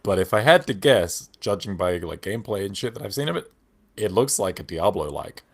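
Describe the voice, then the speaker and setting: Guy with a cold, whiny low voice, sarcastic podcast chat, swears a lot. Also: lively intonation, fairly quick, husky. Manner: laid-back, sardonic, swears often. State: has a cold. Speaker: podcast co-host. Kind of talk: casual chat.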